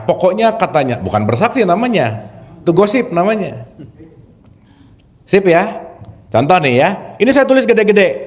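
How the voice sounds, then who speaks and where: A man leads an informal spiritual lecture a high, bouncing voice. He keeps it chatty, quizzes his listeners and laughs easily, a light touch. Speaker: spiritual teacher. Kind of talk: informal religious lecture to an audience.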